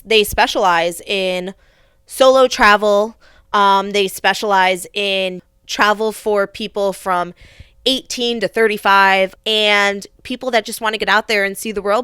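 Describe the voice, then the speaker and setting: Bright, clear-voiced young woman podcasting. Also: mid-range voice, dry recording, clean studio sound. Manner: earnest, reflective, with frequent restarts. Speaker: podcast host. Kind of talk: personal storytelling podcast.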